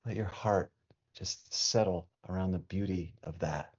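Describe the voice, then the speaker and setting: In muffled, dull lo-fi audio, a man with a fairly low, slightly mellow and slightly rough voice guides a meditation. He speaks in a soothing, unhurried manner, leaving long pauses between phrases as a teacher would during breathing practice.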